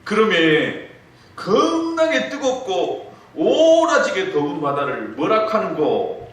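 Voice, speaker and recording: A man's voice: high voice, big pitch swings, slow, a bit bright, voice pushed up, heavily acted. A man doing a coy Gyeongsang bride. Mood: coy, teasing. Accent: Gyeongsang dialect. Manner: sing-song, exaggerated cooing. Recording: echoey hall, distant mic, faint noise.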